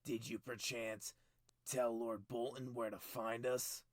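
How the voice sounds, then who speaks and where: A man voicing a stern, cold middle-aged king who talks in clipped, forceful commands, higher and louder than his narration. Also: little pitch movement, takes it slowly, dry recording, close to an everyday voice. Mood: cold, commanding.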